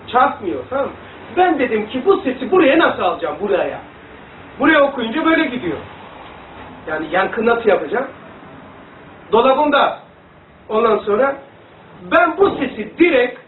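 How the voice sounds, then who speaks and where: Picked up from a distance by a phone-like mic in an echoey room, with slight background noise, a man with a very high voice teaches religion informally. He's rambling and animated, demonstrating to those listening.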